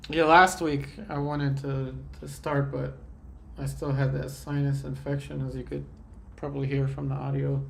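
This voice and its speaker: With a creaky, medium-pitched voice and a moderate pace, this painting streamer barely pauses as he chats with viewers and fields their comments mid-demo. He's relaxed but congested and a bit nasal from a sinus infection, with a little hiss or hum in the audio.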